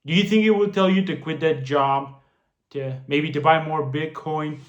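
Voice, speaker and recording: A man's voice: on the high side, moderate pace, lo-fi sound. Earnest man in his late twenties. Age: 20s. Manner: earnest, repeats and restarts phrases. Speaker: finance vlogger. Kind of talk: casual talking-head advice. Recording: roomy echo.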